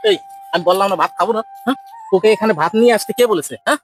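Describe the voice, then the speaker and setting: A woman voicing a stubborn village husband who gruffly refuses food and scolds his wife. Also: on the low side, fast, soft background music, pitched below the performer's own voice, close to an everyday voice. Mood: angry scolding. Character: sulky stubborn village husband, middle-aged man.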